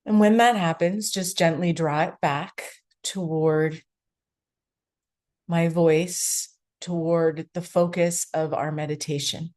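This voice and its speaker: Speaking in a low register with fairly even intonation, a woman guides listeners through meditation. She gives soft, unhurried directions and leaves long silences between phrases.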